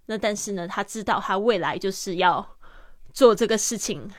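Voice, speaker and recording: A woman hosting an English lesson in Mandarin. She breaks phrases into parts and repeats them in a lively way. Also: medium pitch, moderate pace, no room sound. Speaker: English teacher and host.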